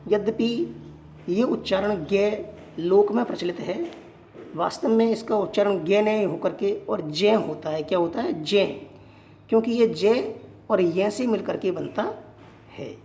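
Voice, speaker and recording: A teacher giving a Sanskrit grammar lesson, asking questions and answering them, repeating points slowly. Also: medium pitch, warm tone, a little hiss or hum. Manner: poses questions and answers them, slow and repetitive. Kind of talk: classroom-style grammar lesson.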